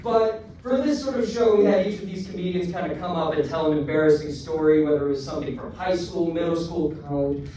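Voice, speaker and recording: A young man telling an animated, self-mocking stand-up story with plenty of swearing, hosting the show. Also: on the high side, fast, background noise. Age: young adult. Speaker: comedian and show host. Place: performance hall with a live audience. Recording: echoey room from far off, crowd.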